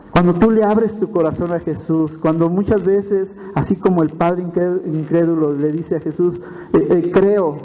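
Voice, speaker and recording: A man preaching a sermon as pastor, retelling the story with animated asides and frequent tag questions to the congregation. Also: a little high. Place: church hall. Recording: long church reverb.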